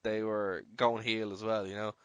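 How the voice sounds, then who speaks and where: A man's voice: lowish voice, little pitch movement, moderate pace, clean tone, no room sound. An Irish man hosting a podcast, chatting casually and rambling with lots of "you know". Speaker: podcast host.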